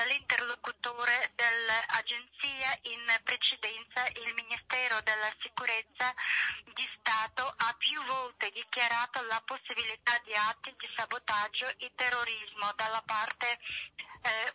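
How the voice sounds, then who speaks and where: Woman on speakerphone, phone call into a radio show, very bright and piercing voice, slightly high, halting news reading with many fillers. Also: no room sound. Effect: heard over a phone on speakerphone. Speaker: news correspondent. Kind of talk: reading news reports live on air. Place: remote location, calling in to a radio show.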